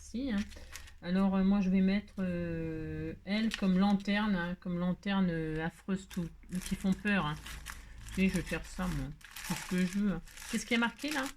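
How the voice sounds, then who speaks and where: A woman's voice: lowish voice, measured pace. Chatty French woman hosting a craft tutorial. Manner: chatty, hesitant, fills with "euh" and "hein"; playful, laughs at herself. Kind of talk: casual craft tutorial chat. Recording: faint background noise and clicks.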